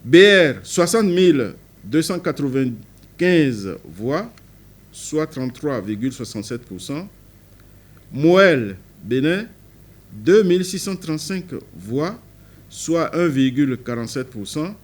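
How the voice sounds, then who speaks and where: A court official from Benin formally reads out election results, stressing the party initials and correcting himself on some figures. His fairly high voice moves slowly, with big pitch swings.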